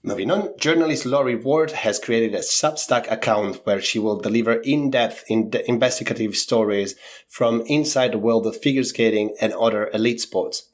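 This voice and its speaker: A man with a sore throat co-hosts a podcast, reading skating news in casual chat with some hedging fillers. His voice is medium-pitched and his speed normal.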